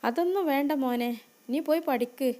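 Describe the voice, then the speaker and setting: Gentle young wife, voiced by a woman, meek, soothing, warm highish voice. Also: normal speed, close to an everyday voice.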